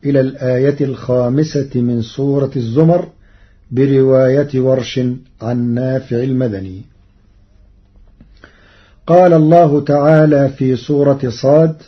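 A slow, deliberate male scholar from Egypt explains recitation rules in a calm, measured radio lesson, breaking into short chanted quotes. The sound is dull and lo-fi, like an old broadcast archive. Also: mid-range voice.

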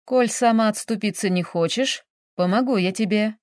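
A woman voicing a sly old village witch who speaks slowly, in a knowing, slightly mocking way. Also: mid-range voice, a little mellow, no echo, studio quality, natural voice.

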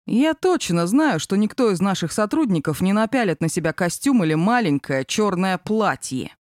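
A man's voice: high-pitched, very animated, normal speed, no echo. A woman voicing a brash, cheeky male office coworker in an audiobook. He teases in a raised voice. The recording is dry and close. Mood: indignant. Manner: cheeky, teasing. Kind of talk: audiobook character reading.

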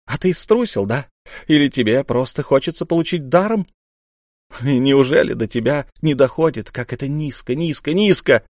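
A man's voice: mid-range voice, animated, normal speed, a little mellow, no room sound, studio quality, voice pushed up, lightly acted. A man voicing a proud, desperate young noble duelist, pleading in heated, raised outbursts. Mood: indignant.

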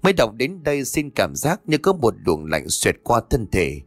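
A man reading a story aloud in a measured, expressive manner, his pitch rising and falling freely. The voice is close and dry, with soft music playing faintly underneath. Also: no room sound. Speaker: audiobook narrator. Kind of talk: scripted story narration. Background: faint background music.

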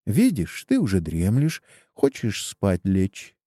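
A loving mother full of worry, speaking tenderly to her sick child, as voiced by a man reading a storybook. The voice is mellow and close, with a dry sound. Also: fairly low pitch, wildly swooping pitch, slow pace, dry recording, full character voice. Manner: tender, anxious. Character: worried loving young mother.

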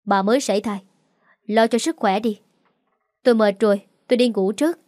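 A woman's voice: mid-range voice, normal speed, darkish tone, dry recording, clean studio sound, close to an everyday voice. A woman voicing a tired older man who heads a wealthy household, dismissive and worn out. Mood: weary.

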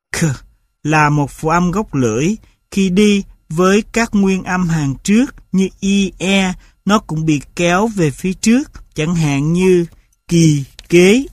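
A man reading a scripted linguistics lecture, spelling out sounds and example words one at a time in a slow, measured way. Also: fairly high pitch, dry recording, studio quality.

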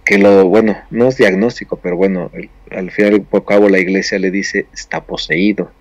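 Low-voiced man telling a rambling story. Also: fairly even intonation, a little fast, dry recording. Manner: rambling, with many restarts and fillers. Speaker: storyteller on a paranormal show. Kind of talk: casual storytelling.

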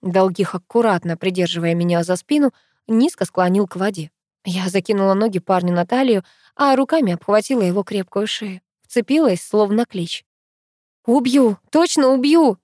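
A woman's voice: medium pitch, moderate pace, a little mellow, no echo. Woman narrating a novel, dry studio sound. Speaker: audiobook reader. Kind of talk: first-person novel narration.

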